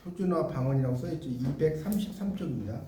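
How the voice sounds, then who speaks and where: A man's voice: on the high side, expressive, fast, dark tone, distant mic, a little hiss or hum. A middle-aged man teaching a class, dictating notes, repeating key phrases and checking whether his students follow. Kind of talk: classroom lecture. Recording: echoey room, voice from off-mic.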